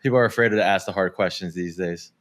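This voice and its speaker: A man's voice: low voice, fast, fairly bright tone. A man guest on a casual podcast, talking hesitantly with many filler words.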